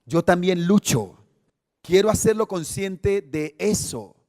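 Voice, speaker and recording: A man's voice: high voice, lively intonation, slow, a little mellow. A man preaching a sermon as a pastor, emphatic and putting questions to his congregation. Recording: echoey church hall.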